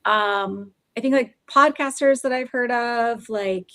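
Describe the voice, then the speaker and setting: A woman's voice: fairly high pitch, unhurried, gravelly, sharp tone, dry recording. Rambling woman with dry sound. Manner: rambling, many "like" and "um" fillers. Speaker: podcast co-host. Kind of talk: casual chat. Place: Oklahoma, US.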